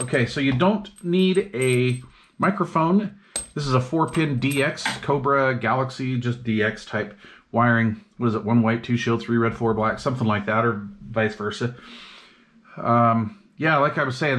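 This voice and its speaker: A hobbyist vlogger with a mid-range, fairly bright voice demonstrates radio repair at an indoor workbench. He's laid-back and slangy, muttering and thinking aloud, and the recording is clearly noisy with clicks.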